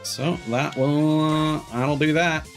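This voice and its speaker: A man livestreams a video game and chats casually, thinking aloud in a hesitant, rambling way as game music plays. His voice is a little high and steady, and he takes it slowly.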